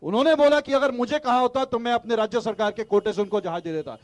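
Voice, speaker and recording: With a very high voice and a quick pace, a man speaks as an opposition party spokesman during a heated television debate, staying argumentative and insistent as he talks over interruptions.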